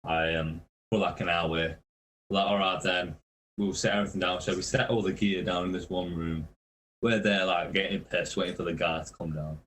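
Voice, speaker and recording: A man's voice: deep voice, steady tone, normal speed, a bit bright, slight background noise. A man, a touring metal musician, telling rambling, swear-filled tour stories on a podcast. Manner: rambling, swears constantly, laughs through his stories. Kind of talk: casual storytelling on a podcast.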